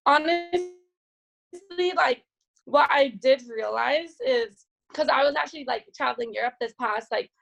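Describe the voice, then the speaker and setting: A woman's voice: high voice, unhurried, vocal fry, fairly bright tone, poor audio. A young woman from California, a podcast guest chatting casually, laughing often and filling her talk with "like". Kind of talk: casual chat.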